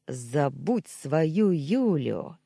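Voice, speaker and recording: A woman's voice: low voice, sing-song, a little slow, dark tone, no room sound, studio quality, exaggerated voice. A woman voicing a scheming, hysterical middle-aged uncle who shrieks and splutters in a storybook reading. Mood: gloating.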